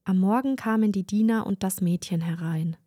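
Calm woman reading a fairy tale. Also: mid-range voice, dry recording, studio quality. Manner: calm, measured storytelling. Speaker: reader.

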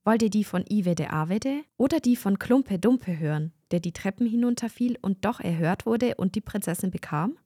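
A woman's voice: mid-range voice, lively intonation, moderate pace, few pauses, warm tone, slightly rough, no room sound. Woman reading a little round friendly storyteller man, cozy, storybook, dry sound. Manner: cozy, telling a tale to children. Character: small, plump, kindly male storyteller.

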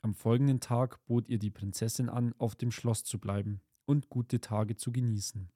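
A man reads a fairy tale aloud in a calm, measured way. His voice is dark and mellow, recorded dry and close with no room sound. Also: mid-range voice, dry recording. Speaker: narrator.

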